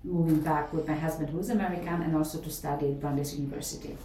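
A middle-aged Polish professor with a Polish accent answers interview questions thoughtfully, with many fillers and restarts. Her low voice holds a steady, dark tone at a quick pace. The recording sounds roomy and a bit distant from the mic, with faint ambience and a little hiss or hum.

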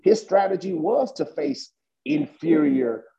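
A man's voice: on the high side, unhurried, gravelly, highs cut off, crowd noise. A man co-hosting a boxing chat show, talking casually and emphatically with lots of fillers. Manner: animated, emphatic, heavy use of fillers. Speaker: boxing podcast co-host.

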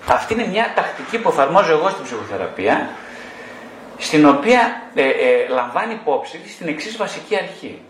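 A man's voice: fairly high pitch, sing-song, fairly bright tone, echoey room, a little hiss or hum. A male psychotherapist giving an explanatory lecture, often posing rhetorical questions.

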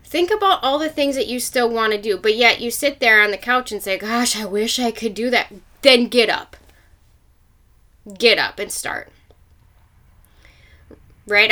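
A woman's voice: on the high side, bright, forceful tone. A woman hosting a podcast, delivering a blunt motivational monologue full of rhetorical questions. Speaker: podcast host.

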